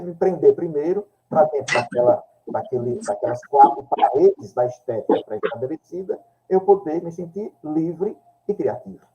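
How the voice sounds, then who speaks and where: A man speaking in a study group discussion, reflective and halting, often repeating words as he searches for them, in a lo-fi recording. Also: fairly high pitch, mellow. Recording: dull lo-fi recording.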